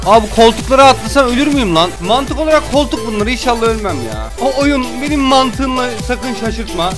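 A young man giving casual let's-play commentary, jokey and excitable, swinging from low mutters to sudden yelps and shouts. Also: a little fast, music in the background. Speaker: gaming YouTuber.

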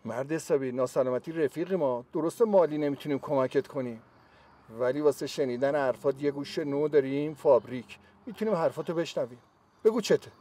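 A man's voice: a little high, warm tone, natural voice. An actor playing a loyal, nosy male friend in a TV series who teases and prods with questions. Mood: teasing. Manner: teasing, prodding questions. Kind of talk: TV series acting.

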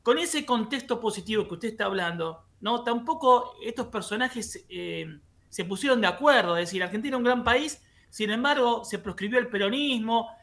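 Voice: mid-range voice, animated, normal speed, a bit bright. A radio co-host interjecting politely to push back during an interview.

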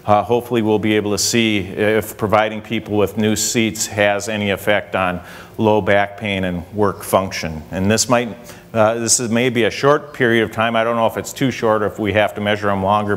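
A young engineer explains a research study in a conference presentation, walking around a hotel meeting room as he speaks. His voice is on the low side with a level tone and moderate pace, echoing in the reverberant hall.

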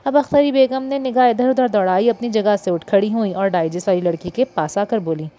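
A woman's voice: fairly quick, dark tone. A woman narrating a novel as an audiobook, lifting her voice for the characters' dialogue. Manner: shifts into higher, livelier voices for characters' dialogue. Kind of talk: reading a novel aloud, voicing characters.

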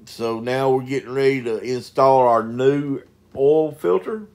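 A man's voice: mid-range voice, a little slow, a little mellow. A man, a mobile mechanic narrating a repair video in a folksy, plain-spoken way.

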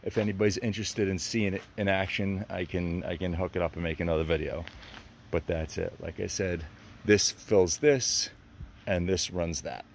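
A man's voice: low voice, steady tone, moderate pace, creaky, slight background noise. A man in his fifties explaining a do-it-yourself fix in a casual, rambling way, often repeating words, filmed outdoors in a driveway on a handheld phone. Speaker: DIY video maker. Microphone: phone camera held by hand.

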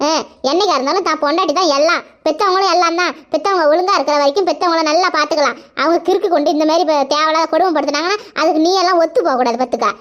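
A woman's voice: very high voice, very fast, fairly bright tone, muffled recording. A woman voicing a motherly neighbor in a cartoon who lectures a young man. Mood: chiding. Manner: lecturing, chiding.

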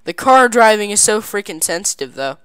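A woman giving casual gameplay commentary at her computer, goofy and chatty, breaking into excited cheers, on a desk mic. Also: medium pitch, a little fast, clear, resonant tone, no room sound, studio quality. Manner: excited squealing "yay" cheers and laughter; playful goofy broken phrasing. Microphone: desk microphone.

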